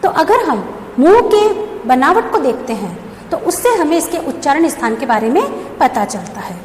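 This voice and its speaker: A woman's voice: sits high, big pitch swings, moderate pace. A woman teacher giving a grammar lesson, asking questions and then answering them herself as she spells out letters one by one. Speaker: school teacher. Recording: echoey room with faint background hum.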